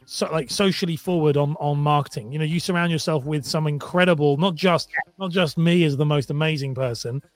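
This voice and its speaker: A man's voice: on the high side, brisk, hardly any pauses, faint music behind. A man hosting a casual interview, putting questions in a rambling, roundabout way.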